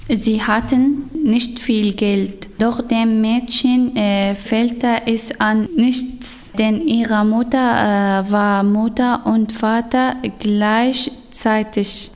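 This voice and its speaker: A woman from Syria, a German learner, reading a short story aloud with hesitant pauses and restarts. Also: a little high, big-room sound. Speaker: language course participant.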